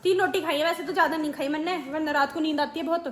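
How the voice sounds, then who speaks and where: A woman's voice: high-pitched, fairly even intonation, very fast. A young woman chatting through a casual family vlog, narrating with laughs. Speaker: family vlogger.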